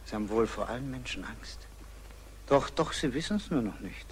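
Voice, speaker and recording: An actor playing a charming male painter who courts a young woman, with a soft, persuasive manner, in old German film acting. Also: medium pitch, lively intonation, moderate pace, slight background noise, natural voice.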